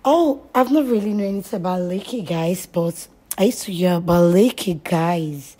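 A woman's voice: lowish voice, moderate pace, warm tone, husky. Giggly shy woman in her twenties. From Nigeria. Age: 20s. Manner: giggly, shy, mimics an American accent. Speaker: street interviewee. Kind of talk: casual street interview.

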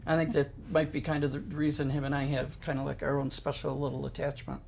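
A man in his forties telling personal family moments in a gentle, heartfelt way during a casual interview. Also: fairly high pitch, little pitch movement, fast, vocal fry, very noisy. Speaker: interviewee, co-parent. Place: living room, sitting in an armchair.

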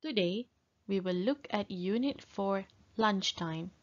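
A woman teaches young children to count in an English lesson. Her pace is extremely slow, with each item set apart and prompts to repeat. Her voice sits at a medium pitch, and the recording is a little dull and lo-fi. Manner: spells and counts aloud slowly, prompting pupils to repeat.

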